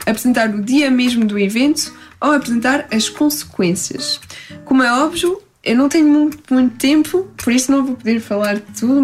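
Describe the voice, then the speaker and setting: A woman with a European Portuguese accent, hosting a radio segment and explaining a history topic in a chatty, teaching way. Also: on the high side. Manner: explanatory, switches between Portuguese and French. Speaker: radio host. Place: radio studio.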